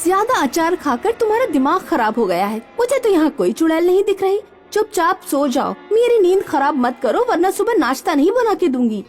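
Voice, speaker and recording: A woman voicing a brisk, scolding village wife. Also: very high-pitched, sing-song, faint music behind, pitched above the performer's own voice. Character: sharp-tongued village wife.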